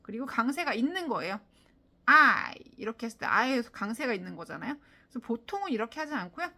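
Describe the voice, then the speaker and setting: A Korean-speaking woman teaching English listening to viewers, with many fillers, who demonstrates English sounds and stress out loud. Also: a little high, sing-song, quick pace. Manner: frequent fillers, talks directly to viewers. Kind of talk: video lesson on English listening.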